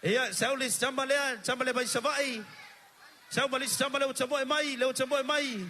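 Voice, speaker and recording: High, bright-voiced Samoan emcee. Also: male voice, brisk, slight background noise. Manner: energetic, calls out to the crowd, switches between Samoan and English. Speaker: master of ceremonies. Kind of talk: live stage emceeing. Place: stage at an evening show.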